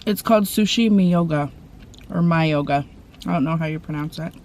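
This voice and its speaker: A woman vlogger from the Portland area chatting casually while eating, with soft mumbled asides over her food. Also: sits low, normal speed. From Portland, Oregon area. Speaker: mukbang vlogger. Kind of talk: casual eating-show chat.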